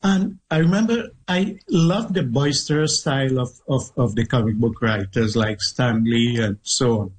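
A middle-aged Trinidadian man reminisces in an interview, his voice husky and a little breathy. He speaks at a measured pace and pauses often to pick his words. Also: mid-range voice, low-quality recording. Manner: measured, thoughtful, with pauses and restarts. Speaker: guest author. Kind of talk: reflective interview storytelling.

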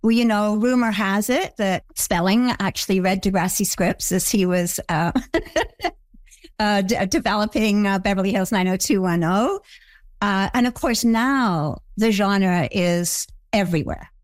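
A woman's voice: medium pitch, unhurried, dry recording. An older woman from Canada, a TV show creator, answering interview questions reflectively with stammered restarts.

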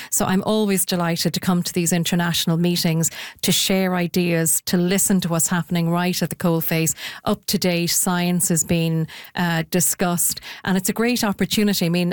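Lower-voiced woman professor, eager. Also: no room sound, clean studio sound. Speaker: professor guest. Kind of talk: radio interview.

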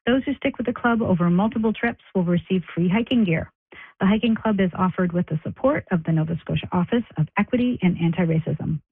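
Woman on a landline phone reading out a prepared announcement, husky, thin phone sound. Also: lowish voice, fairly quick, no echo. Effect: heard over a landline phone. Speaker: caller leaving a recorded announcement. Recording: tinny dry phone line.

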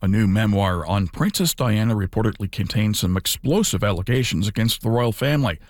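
A man's voice: on the low side, lively intonation, fairly quick, no echo, studio quality. A man reading scripted radio news as the anchor.

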